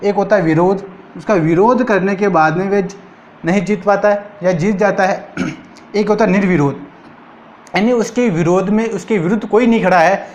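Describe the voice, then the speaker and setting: Rajasthani guy teaching hindi grammar, highish voice, says every word twice and keeps asking the class. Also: a little hiss or hum. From India. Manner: repeats each word slowly and asks the class questions. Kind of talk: exam-prep grammar lesson.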